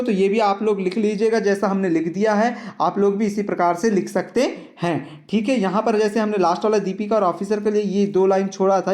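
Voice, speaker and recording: A man with a high-pitched, darkish voice teaches children an English lesson, reading a worksheet aloud and explaining each line in Hindi. He speaks slowly and patiently, addressing the children directly.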